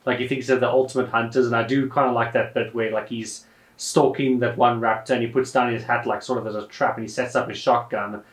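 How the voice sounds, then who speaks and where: Fast-talking podcast guy, eager, keeps repeating words, echoey room sound. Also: medium pitch, level tone. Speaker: podcast co-host. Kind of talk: casual film discussion.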